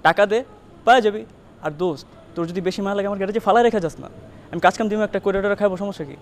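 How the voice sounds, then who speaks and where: A man's voice: high-pitched, very fast, a little hiss or hum. A man playing a teasing young man who rents out a garage room for money, talking in slang. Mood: mocking.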